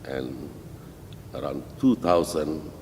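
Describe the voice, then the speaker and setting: A middle-aged man with an Indonesian accent who is a missionary pastor, answering interview questions in halting English with many restarts. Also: a little mellow. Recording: roomy hall with faint rumble.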